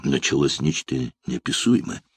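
A man narrating a story in an expressive, dramatic reading style. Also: rumbling low, normal speed, husky, no echo, studio quality. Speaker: audiobook narrator. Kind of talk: scripted narration.

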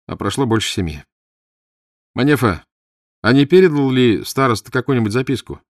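A man voicing a composed, precise gentleman detective with a slight stammer. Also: mid-range voice, lively intonation, brisk, dry recording, studio quality, voice pushed up, natural voice. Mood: tense. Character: calm clever detective, gentleman.

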